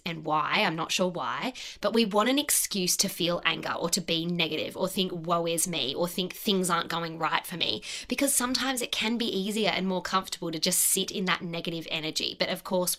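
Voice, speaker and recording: A woman with a fairly low, bright and forward voice speaks as a podcast host. She delivers a self-help monologue conversationally, with an earnest, encouraging manner.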